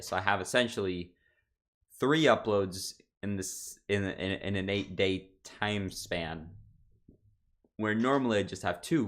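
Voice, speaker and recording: A man's voice: low voice, fairly bright tone. A young man chatting casually on his livestream from home, rambling loosely with lots of fillers and restarts. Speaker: streamer.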